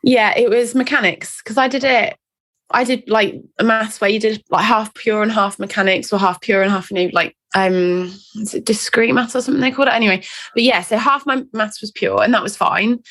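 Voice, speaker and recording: A woman in her forties from England, a guest in an interview, talking in a chatty, animated way with self-mocking asides. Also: medium pitch, brisk. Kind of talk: casual interview chat.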